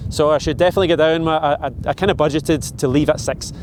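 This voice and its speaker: A Scottish vlogger in his forties films himself outdoors on a mountain, shivering in the cold as he talks casually to camera. His slightly high voice has fairly even intonation, and his halting, reflective speech is full of restarts and fillers, with a little hiss or hum on the recording.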